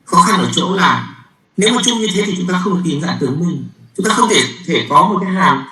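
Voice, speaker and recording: A man giving a university physics lecture. He talks haltingly, with many fillers and repeated words, and keeps checking with the class. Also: high-pitched, animated, bright, forceful tone, echoey room, rough recording.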